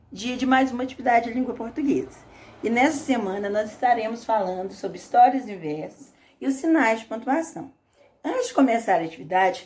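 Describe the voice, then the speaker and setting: A woman's voice: a little high, darkish tone. A woman teacher from Brazil, patiently explaining a lesson to parents and often adding "né?". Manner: patient explaining with frequent "né?" tags.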